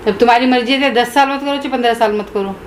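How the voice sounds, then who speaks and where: A woman's voice: on the high side, fast talker, slight background noise, lightly acted. A woman playing a stubborn, defensive mother-in-law who argues and talks over others in a family drama skit.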